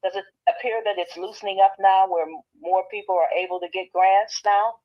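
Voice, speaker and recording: A woman's voice: medium pitch, steady tone, fairly quick. A woman calling in to a radio talk show over a phone line, politely asking her questions. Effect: heard over a phone line. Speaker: caller. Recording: dull, muffled phone-line call.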